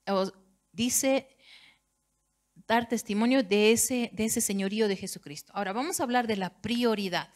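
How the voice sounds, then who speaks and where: Una mujer con acento boliviano que predica un sermón en una iglesia con fervor y que alza la voz casi hasta gritar en las frases clave. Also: female voice, mid-range voice. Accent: Bolivian Spanish. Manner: fervent, rising to near shouts on key phrases. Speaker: preacher. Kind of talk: sermon. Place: church.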